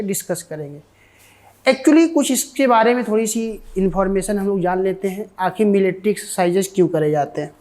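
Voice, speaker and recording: Indian woman teacher going over exam stuff, repeats herself a lot, mid pitch. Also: darkish tone. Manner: repetitive, asks and answers own questions. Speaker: defence exam coaching teacher. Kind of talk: online lecture.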